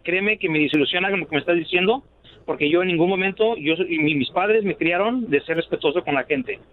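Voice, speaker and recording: A man calls in over a thin, tinny phone line, his voice sitting a little high. He protests over and over that he never did anything wrong. He keeps calling people mija and viejo. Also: brisk. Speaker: caller. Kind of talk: phone call prank.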